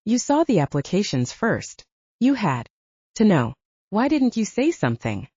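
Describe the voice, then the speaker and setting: A woman's voice: medium pitch, big pitch swings, measured pace, dark tone, breathy edge, dry recording, highs cut off. A woman narrator voicing a distraught young bride who is crying and hiccuping through her complaints. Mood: indignant. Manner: wailing, exasperated complaints.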